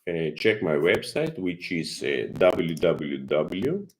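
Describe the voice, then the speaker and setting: Slow, deep-voiced man hosting a live stream. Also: sing-song. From Kazakhstan. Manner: halting, many fillers and restarts. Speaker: channel host, marine consultant. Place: home in Greece.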